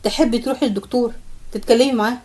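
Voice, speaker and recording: A woman with an Egyptian accent voicing a male boss who speaks calmly and pointedly. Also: a little high, racing, natural voice. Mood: needling. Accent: Egyptian Arabic. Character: male boss, calm and needling.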